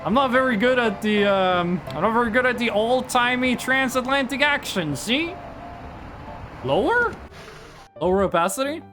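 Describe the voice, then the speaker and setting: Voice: medium pitch, lively intonation, moderate pace, over music, lightly acted. A streamer putting on an old-timey transatlantic tough-guy voice for a boastful dog catcher, ending lines with a clipped "see?".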